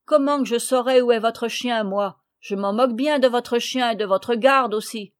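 A woman's voice: on the high side, expressive, normal speed, no echo, clean studio sound, close to an everyday voice. Surly, curt peasant man in a storybook reading, read by a woman. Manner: curt, rude.

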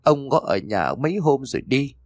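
A man's voice: medium pitch, sing-song, normal speed, dry recording, soft background music, voice pushed up. Scared young wife begging and near tears, guy voicing her, dry close sound. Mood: pleading. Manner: pleading, tearful.

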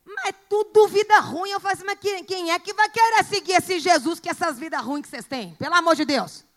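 A high-voiced woman pastor delivers a fervent church sermon. She moves between hushed, searching questions and loud, driving exhortation. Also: brisk. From Brazil. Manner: preaching with rising fervor, rhetorical questions, bursts of shouting.

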